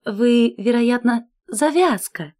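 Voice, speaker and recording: A woman's voice: on the high side, lively intonation, slow, darkish tone, voice pushed up. Woman doing a boastful shirt collar dandy. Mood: smooth flirting. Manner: flirtatious, bragging, gushing.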